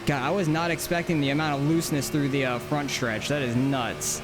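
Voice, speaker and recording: A man's voice: mid-range voice, brisk. A man giving casual, informal live commentary while sim racing, thinking aloud as he drives. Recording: engine noise behind voice. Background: racing game car engine.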